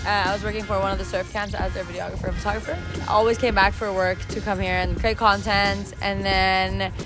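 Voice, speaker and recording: A woman from Norway, a videographer and content creator, answering street interview questions in a relaxed, chatty way. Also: mid-range voice, brisk, music in the background.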